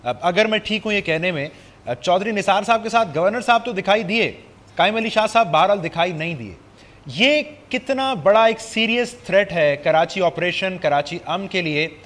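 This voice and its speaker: A man hosting a talk show debate, briskly passing the floor from one guest to the next. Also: sits high, expressive, a bit bright.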